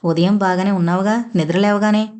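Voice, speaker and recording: A woman's voice: mid-range voice, fairly even intonation, fairly quick, a little mellow, close to an everyday voice. A woman voicing a cheerful teenage sister-in-law in a storybook reading, with a light, quizzing manner. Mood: teasing.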